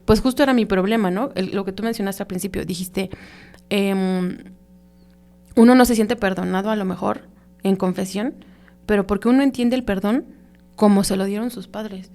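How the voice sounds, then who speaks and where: A woman's voice: mid-range voice, normal speed, mellow. A woman co-hosting a radio podcast, answering the priest conversationally and sharing her own experience. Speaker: co-host.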